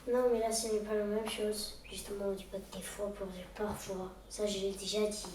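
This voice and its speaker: A woman's voice: medium pitch, little pitch movement, moderate pace, warm tone, echoey room, recorded from a distance, slight background noise, natural voice. A woman playing a pedantic older sibling who corrects grammar in an impatient, lecturing way. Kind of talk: amateur theatre acting.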